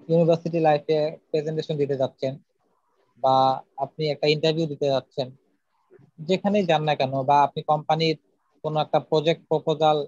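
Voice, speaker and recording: Going through numbered points in an earnest, methodical way, a man from Bangladesh gives a spoken lesson on public speaking. His voice is fairly high and darkish, and the slightly dull, dry recording has no echo.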